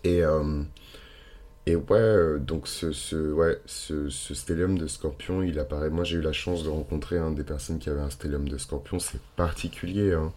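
A man with a gravelly morning voice and vocal fry, talking casually and hesitantly as a podcast host, with slangy turns of phrase. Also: a bass voice, steady tone, normal speed, mellow. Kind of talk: casual unscripted monologue.

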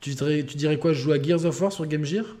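Brief: male podcast host, relaxed joking banter, somewhat high pitch. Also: quick pace, over a noisy crowd. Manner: lively, joking, laughs often. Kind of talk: casual chat.

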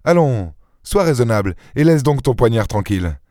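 A man reading an audiobook and voicing a suave gentleman thief with an airy, teasing, self-assured manner. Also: mid-range voice, sing-song, normal speed, no room sound, clean studio sound, natural voice. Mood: mocking, stern.

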